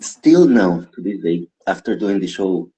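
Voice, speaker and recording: A Guatemalan stand-up comedian, guest in a casual interview, talks in a low, warm voice with lively intonation and a measured pace. He's rambling and self-deprecating, laughing often, and the recording is rough.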